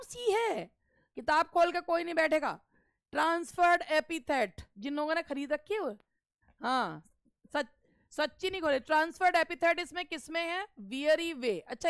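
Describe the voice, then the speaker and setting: A woman English teacher running a live online exam-prep class, reading lines slowly and deliberately and playfully scolding her students. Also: extremely high pitch, fairly bright tone, no room sound, clean studio sound.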